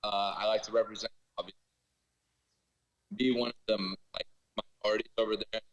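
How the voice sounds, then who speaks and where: A man's voice: lowish voice, steady tone, fairly quick. A young man, an off-road racer, talking casually and rambling with fillers over a video call whose audio sounds echoey and muffled, as if he were in a cave. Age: young adult. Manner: laid-back, rambling with fillers.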